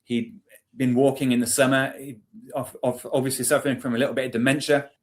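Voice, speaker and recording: Speaking fast in a mid-range voice with little pitch movement, a British-accented man in his forties from England tells casual stories as an interview guest. He is an army veteran who chats freely and pokes fun at himself now and then.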